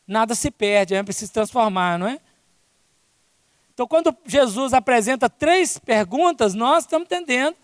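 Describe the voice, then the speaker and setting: Brazilian guy with a really high voice giving a talk, keeps saying né, long hall reverb. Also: a bit bright, studio quality. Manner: tags sentences with "né?" and "não é?". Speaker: lecturer. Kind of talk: spiritist lecture. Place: conference hall.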